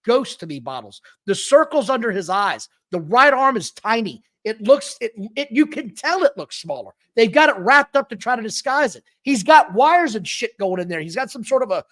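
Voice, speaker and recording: A man co-hosting a podcast, talking in an animated, opinionated way in casual chat. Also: very high voice, moderate pace, few pauses. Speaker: podcast co-host.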